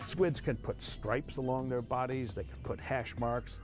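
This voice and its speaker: A man's voice: medium pitch, a little slow. A man explaining as an expert in a nature documentary interview. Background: background music.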